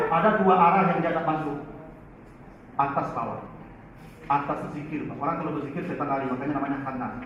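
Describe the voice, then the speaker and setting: Lively high-voiced man lecturing in a hall. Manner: lively, addresses listeners as "Pak" often. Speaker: religious teacher. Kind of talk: Quran study lecture. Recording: echoey far-off hall, dull lo-fi, faint noise.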